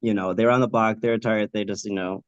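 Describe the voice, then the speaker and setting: A man hosting a casual chat, lively and talkative, laughing easily. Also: fairly low pitch, quick pace, dry recording, dull audio. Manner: animated, chatty, laughs easily.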